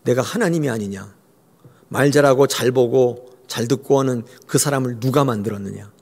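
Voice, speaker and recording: A man's voice: medium pitch, moderate pace, a little mellow, slightly rough, big-room sound, pitched below the performer's own voice. A man voicing a stern deity who rebukes and demands faith.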